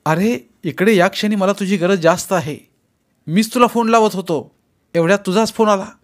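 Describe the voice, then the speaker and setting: A man's voice: high voice, moderate pace, voice pushed up, lightly acted. A man reading a story aloud, voicing a harried college principal who pleads he cannot leave his post. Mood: exasperated. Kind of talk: audiobook character reading.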